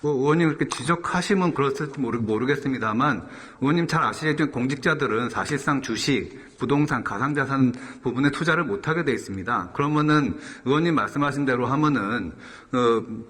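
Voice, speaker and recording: A man's voice: medium pitch, fairly bright tone. A man giving formal, guarded and deferential answers as a government official at a hearing. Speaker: government vice minister. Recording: echoey assembly hall.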